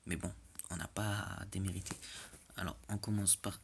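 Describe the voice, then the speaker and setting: A man's voice: deep voice, level tone, normal speed, vocal fry, breathy edge. A man giving casual, joking commentary over game replays, chatty and often checking in with the listener. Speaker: clan war replay commentator.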